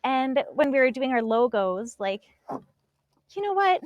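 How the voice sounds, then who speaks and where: Bubbly, chatty high-voiced woman outdoors. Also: big pitch swings, dry recording, highs cut off. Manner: bubbly, chatty, quick to laugh. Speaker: co-host presenting paddleboards. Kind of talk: casual live-stream product chat. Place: outdoors on a floating dock on a lake.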